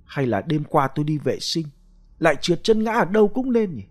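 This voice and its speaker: A man's voice: on the high side, very animated, brisk, pitched above the performer's own voice. A man doing a sly old grandmother. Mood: feigning. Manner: feigned puzzlement, wheedling.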